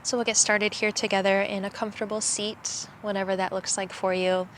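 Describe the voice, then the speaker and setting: A young woman teaching yoga outdoors and guiding a meditation in a calm, soothing, slow manner. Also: on the low side, slight background noise. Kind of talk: guided yoga and meditation instruction. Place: outdoors in a cemetery.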